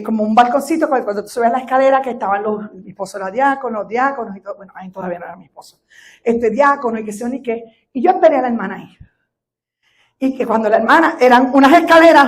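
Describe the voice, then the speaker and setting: Woman pastor, Puerto Rican Spanish accent, high-pitched, middle-aged, sermon testimony, rises to shouting. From Puerto Rico. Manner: storytelling testimony that builds to fervent shouting.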